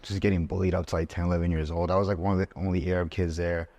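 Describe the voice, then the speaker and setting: A man's voice: low voice, flat delivery, very fast, a little mellow. A man around twenty, from Switzerland, talking as a guest in a casual podcast conversation, rambling and saying "like" a lot. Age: 20s. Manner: rambling, loose, says "like" a lot. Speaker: interview guest.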